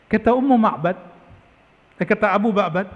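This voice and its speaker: A man's voice: high voice, animated, moderate pace, lo-fi sound. A man preaching a sermon in a mosque, telling a story with rhetorical questions and frequent "ya". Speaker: Islamic preacher. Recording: long hall reverb.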